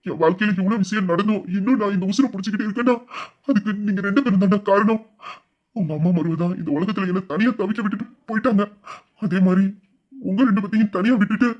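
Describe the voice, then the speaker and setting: A man doing a gentle, soothing old father. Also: sits high, muffled recording. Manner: warm, soothing, reassuring with hesitant fillers. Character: gentle, loving older father comforting his son. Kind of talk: audio drama acting.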